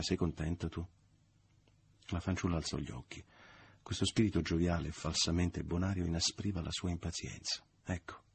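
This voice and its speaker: A man narrating a novel as an audiobook, in a measured, even literary reading. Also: low-pitched, vocal fry, a little hiss or hum.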